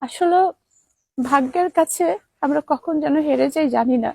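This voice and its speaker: Woman vlogger, high and mellow, gently pleading, dry close sound. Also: normal speed, gravelly, dry recording. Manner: soothing, pleading, repeats short phrases. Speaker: vlogger comforting orphaned children. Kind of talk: emotional on-camera address.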